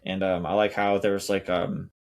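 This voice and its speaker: A man with a fairly low voice explains his own writing on a casual podcast. He talks hesitantly, full of fillers and restarts, as he feels his way toward his point. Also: little pitch movement, moderate pace. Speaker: poet and co-host. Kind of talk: casual poetry discussion.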